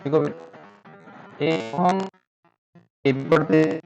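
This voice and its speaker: Middle-aged guy from india teaching spoken english, patient, drags out the example words, bit of a higher voice. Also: fairly even intonation, a little mellow, highs cut off, faint music behind. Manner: patient, drawn-out example words, calls students "beta". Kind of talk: spoken English class for students.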